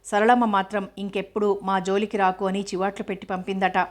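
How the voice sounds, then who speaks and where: A humble, devoted housemaid earnestly pleading with her mistress, as a woman voices her. She speaks softly and respectfully in a mid-pitched, level voice. A storybook reading. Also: level tone, fairly quick, natural voice.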